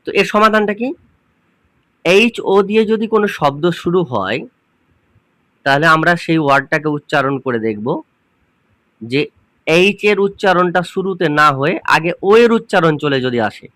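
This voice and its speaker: A man's voice: fairly high pitch, animated, moderate pace, pauses often, a bit bright, no echo. A man teaching an English grammar lesson, patiently repeating rules and asking his students questions. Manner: patient, repeats points and asks the class questions; addresses viewers informally as students.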